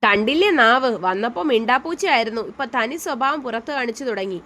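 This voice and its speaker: A woman's voice: sits high, fairly quick, pushed and bright, slight background noise. A woman voicing a stern, short-tempered young man who scolds curtly, in a storybook reading. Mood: scolding. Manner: curt, scolding.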